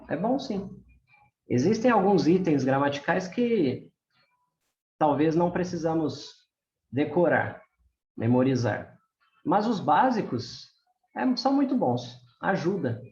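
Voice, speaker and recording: Man, patient beginner's teacher, lively pitch, roomy muffled recording. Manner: patient, keeps checking in with the class. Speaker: English teacher. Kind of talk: explaining grammar to beginners. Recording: roomy, slightly dull recording.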